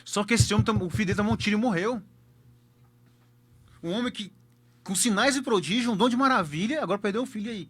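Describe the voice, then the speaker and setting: A man's voice: high voice, quick pace, pauses often, a bit bright, breathy edge. A man with a Brazilian accent, a pastor telling a personal testimony emphatically and repeating key words for effect.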